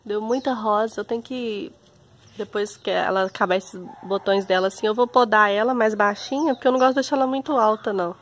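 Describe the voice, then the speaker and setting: A woman's voice: medium pitch, fairly even intonation, brisk. A woman with a Brazilian Portuguese accent, chatting casually to her viewers while showing her backyard garden outdoors. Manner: chatty, homely, often calls out to her viewers. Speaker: home and garden vlogger.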